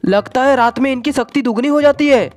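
High-voiced playful young gaming host man. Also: fairly quick, no echo. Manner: playful, dramatic, banters with own characters. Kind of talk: comic gameplay commentary. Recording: faint game music behind.

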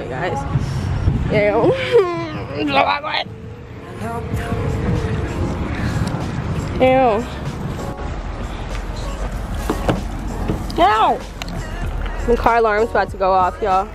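A woman's voice: medium pitch, a little fast, few pauses, music in the background, low-quality recording. A young woman vlogging in casual chat from her car, talking straight to her viewers and saying "like" and "you guys" a lot. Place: in her car, driving around town.

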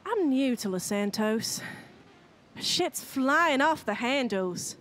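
A woman's voice: high-pitched, a bit bright. A young woman giving a theatrical, mock-passionate dramatic read of lyrics in a roleplay game, close on the mic. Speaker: GTA roleplay streamer in character.

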